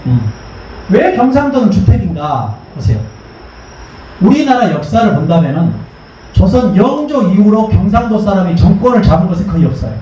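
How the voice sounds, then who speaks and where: A man's voice: sits high, sing-song, moderate pace, warm tone, a little hiss or hum. A middle-aged man giving a history lecture to an audience, asking them questions and having them repeat terms aloud. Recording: echoey hall recorded from far off.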